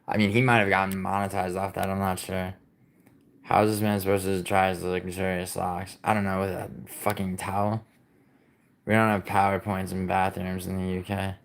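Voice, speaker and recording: His deep voice carries vocal fry and a completely flat delivery at a moderate pace. The man, Italy-born and New York-raised, answers live-stream messages casually, rambling and cursing with lots of fillers and false starts.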